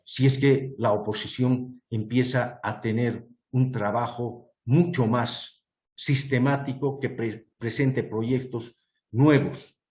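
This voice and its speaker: A man's voice: medium pitch, a little mellow. Earnest man in an echoey room. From Bolivia. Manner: earnest, argumentative, with many fillers and restarts. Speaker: guest speaker presenting a proposal. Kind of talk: online panel talk.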